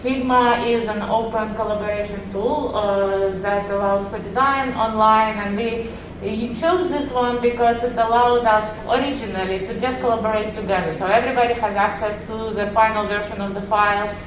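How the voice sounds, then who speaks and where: This conference speaker is a Ukrainian woman whose slightly muffled, accented voice sits mid-range with fairly even intonation and a moderate pace. She keeps things friendly despite many "uh" fillers, and the distant, echoey hall recording has background noise.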